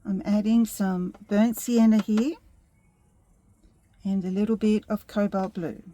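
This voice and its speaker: A woman giving a step-by-step painting tutorial in a gentle, unhurried instructing manner. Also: mid-range voice, fairly even intonation, slight background noise.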